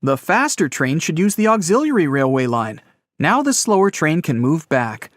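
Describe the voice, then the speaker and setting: A man narrating riddle stories in a scripted, lively storytelling way. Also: on the high side, moderate pace, no echo.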